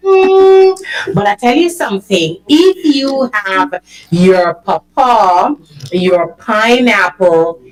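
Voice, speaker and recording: A woman, hosting a casual chat show, slow and animated with frequent laughter. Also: medium pitch, poor audio. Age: 20s. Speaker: host.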